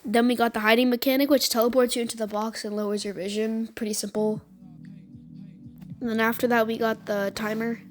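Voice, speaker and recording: A fairly high-pitched woman with little pitch movement talks fairly quickly in casual gamer slang. She's a video creator and level maker doing gameplay commentary and walkthroughs, with music in the background.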